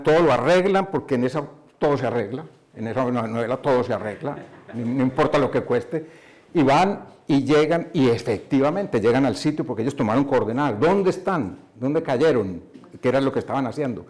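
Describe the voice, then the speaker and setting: A man's voice: medium pitch, lively intonation, fairly quick, a little mellow. A man retelling a novel at a book club, telling it as a story, laughing often and repeating himself. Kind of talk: casual book discussion. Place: coworking room with a small group.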